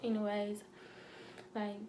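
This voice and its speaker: Young woman, teary confessional vlog, flat tone, faint hiss behind. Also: mid-range voice. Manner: halting, many fillers and restarts. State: holding back tears. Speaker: vlogger. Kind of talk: emotional personal story.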